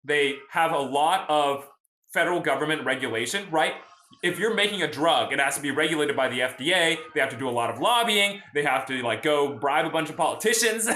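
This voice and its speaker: Bright-voiced young man in an echoey room. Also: a little high, lively intonation, a little fast, a little hiss or hum. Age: young adult. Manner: chatty, explains and greets viewers from chat, often asks "right?". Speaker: host. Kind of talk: casual livestream finance talk.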